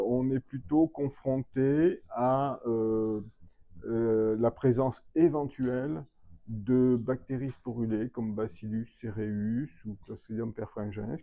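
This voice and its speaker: At a trade fair hall, a professor of veterinary public health explains his field in an interview answer, hesitating a lot and using many fillers. His voice is lowish, and the lo-fi recording sounds dull with no room sound.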